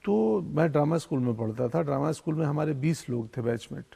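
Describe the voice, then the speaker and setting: A man's voice: on the high side, expressive, a little fast, vocal fry, mellow, slightly rough. A middle-aged actor speaking as a guest in an interview, musing and philosophical, telling stories from his life. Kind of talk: reflective interview conversation in Hindi mixed with English.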